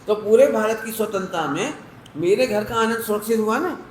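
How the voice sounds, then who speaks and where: Guy giving a religious talk, high voice, roomy echo, faint hum behind, homely examples. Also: brisk. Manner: explains with homely examples, asks listeners if they follow. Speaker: Jain preacher. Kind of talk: religious discourse.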